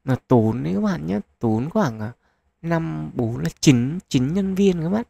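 Gravelly-voiced man commenting a mobile game. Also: a little high, measured pace. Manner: chatty, thinks aloud with many fillers; excitable at lucky pulls. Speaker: gaming channel host. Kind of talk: casual gacha game commentary.

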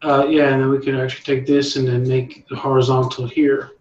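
A man's voice: mid-range voice, level tone, brisk, a little mellow, roomy sound, lo-fi sound. Encouraging man critiquing artwork. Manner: encouraging, restarts sentences often. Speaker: art instructor leading a meetup. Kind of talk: art critique, casual coaching.

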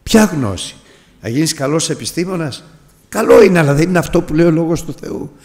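A man preaching with fervent conviction, his somewhat high voice climbing to near-shouts. The sound carries a long reverb tail from a church hall. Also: expressive. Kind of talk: sermon.

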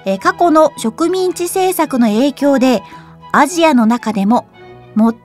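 A young woman hosting a web radio show, reading quiz trivia aloud and reacting to it with quick giggles and chatty asides. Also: high voice, soft background music. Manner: lively, giggly, reads trivia then reacts.

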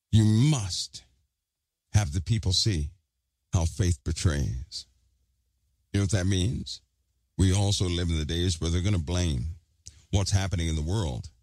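A man's voice: low voice, a little mellow, breathy edge, no room sound. A man preaching an online sermon, emphatic and repeating phrases for stress, talking with a hard object held in his mouth.

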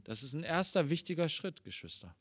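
A man preaching a Sunday morning sermon in German, reading scripture slowly and explaining it with earnest emphasis. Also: on the high side, big pitch swings, fairly bright tone, no room sound. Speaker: pastor.

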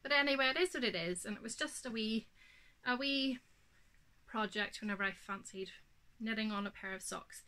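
A little high, bright and forceful, this woman's voice carries a Northern Irish accent; she's in her thirties and hosts a knitting podcast. She chats unhurriedly about her knitting in a casual show-and-tell from her craft room at home, sniffling a bit with hay fever and using plenty of ums.

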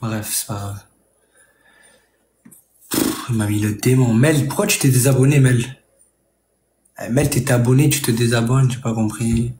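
A man talks straight at his stream audience, worked up and grumbling. His voice sits at an ordinary pitch. The room rings a little and a faint hum lies underneath. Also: steady tone, normal speed, pauses often, a little mellow. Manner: agitated, venting, talks straight to viewers. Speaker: live streamer. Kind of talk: live stream chat while gaming. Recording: roomy with faint noise.

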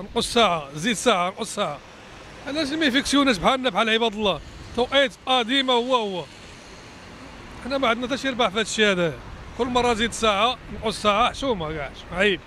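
A man's voice: very high voice, animated, very fast, sharp tone. A man with a Moroccan accent complaining indignantly in a street interview. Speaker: passerby interviewee. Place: city street outdoors. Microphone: handheld reporter mic. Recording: faint street noise.

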